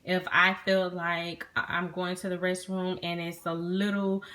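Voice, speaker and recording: A woman's voice: lowish voice, flat delivery, unhurried, bright, forceful tone. Chatty woman rambling on a phone vlog. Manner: chatty, rambling with many ums and restarts. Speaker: product reviewer. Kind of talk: casual product review vlog.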